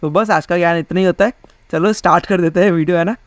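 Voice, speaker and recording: A man's voice: high-pitched, fairly even intonation, fast, no echo. A young man teaching a physics class in a casual, chatty way, often asking his students questions. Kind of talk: casual Hindi class lecture.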